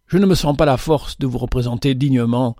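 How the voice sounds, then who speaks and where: A man voicing a repentant male convict who speaks slowly and pleadingly, full of shame. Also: mid-range voice, mellow, no echo, studio quality, close to an everyday voice. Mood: pleading, humble. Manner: slow, pleading, self-reproaching. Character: humble repentant male convict, tearful and ashamed.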